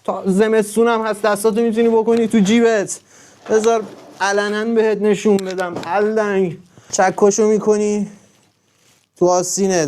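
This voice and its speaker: A man on a live stream, talking straight to his viewers in an emphatic, repetitive way, swinging between loud urging and low murmuring. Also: clean tone. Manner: emphatic, repeats words over and over.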